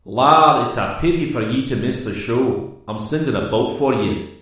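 A man doing a gruff Scottish space commander. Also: medium pitch, moderate pace, fairly bright tone, very echoey, pitched above the performer's own voice, lightly acted. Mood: brisk command. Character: tough Scottish male space cruiser commander.

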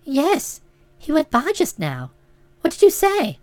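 Brief: woman reader as a breezy, bossy young woman, cheeky and scolding, softer than the narration, dry room. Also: high-pitched, huge pitch swings, slow, no echo, exaggerated voice. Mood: brisk, teasing.

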